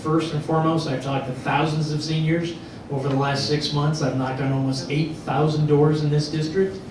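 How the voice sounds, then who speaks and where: A man's voice: on the high side, flat delivery, normal speed, background noise. A man, a candidate at a public forum, making his point in a confident, emphatic way in a large echoey hall. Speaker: political candidate. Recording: echoey hall, heard from far off.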